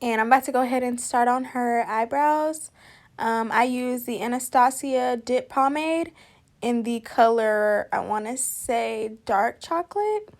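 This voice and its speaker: A young woman with a fairly high, unhurried, creaky voice narrates a makeup tutorial. As a makeup artist, she's easygoing and casual, talking through each step.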